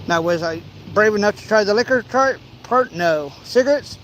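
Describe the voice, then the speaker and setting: Casually chatting while fishing at a pond, a man in his forties speaks in an animated, somewhat bright voice that sits high, at a measured pace. The vlogger rambles through stories and plays out little exchanges amid some outdoor ambient noise.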